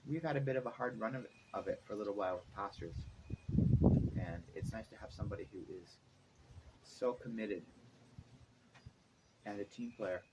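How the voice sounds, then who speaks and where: A man's voice: lowish voice, moderate pace, pauses often. A middle-aged man talking casually in a vlog, rambling and thinking aloud as he goes. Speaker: vlogger, musician. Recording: noticeable background noise, ambience.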